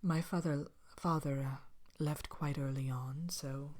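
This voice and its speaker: A woman playing a vain, haughty evil queen in an ASMR fairy-tale roleplay, speaking softly with languid, droll, hesitant pauses and some whispering. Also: low voice, fairly even intonation. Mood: wry, chatty.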